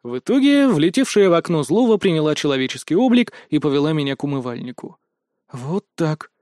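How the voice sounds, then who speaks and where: Casting: male audiobook narrator, high voice, wry and matter-of-fact, dry close recording. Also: very animated, fast, a little mellow, no echo. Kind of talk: first-person audiobook narration.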